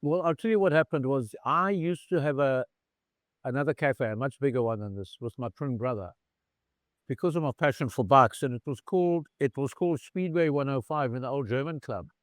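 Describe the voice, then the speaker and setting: A man's voice: mid-range voice, brisk, no echo. Storytelling man, dry close sound. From South Africa. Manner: animated anecdotal storyteller, acts out dialogue. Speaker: bar founder, interview guest. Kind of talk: casual storytelling interview. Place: bar in Cape Town.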